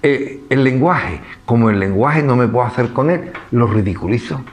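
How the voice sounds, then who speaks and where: A man with an Andalusian Spanish accent speaks to an audience in an easygoing lecture manner. He keeps tossing in rhetorical questions and a tag "¿no?". His voice sits at an ordinary middle pitch for a man. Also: animated, moderate pace, slight background noise. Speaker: speaker at a book presentation. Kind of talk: informal public lecture.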